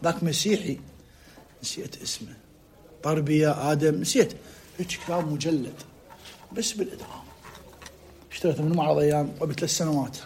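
Iraqi guy teaching class, voice sits high, drags words out when dictating. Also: a little mellow, slight background noise. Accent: Iraqi Arabic. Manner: slow dictating, drawn-out words, quizzing students. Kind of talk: classroom lesson.

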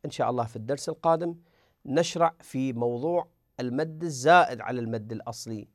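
A man's voice: mid-range voice, fast, no echo, clean studio sound. A man teaching a tajweed lesson who speaks patiently, repeats words and drills the examples aloud. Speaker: Quran recitation teacher.

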